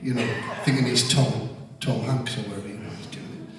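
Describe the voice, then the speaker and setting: A man's voice: medium pitch, fairly even intonation, brisk, crowd noise. A man with a Geordie accent telling rambling, sweary anecdotes between songs on stage at a live music venue. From North East England. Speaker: singer-songwriter. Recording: echoey live hall, distant mic.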